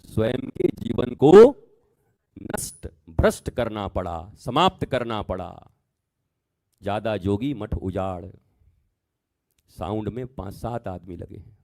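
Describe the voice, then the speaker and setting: Slow, dramatic male sermon preacher. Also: lowish voice, lively intonation, vocal fry. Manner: dramatic, swings from soft asides to loud exhortations; acts out dialogue between figures in the story. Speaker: spiritual teacher giving a discourse.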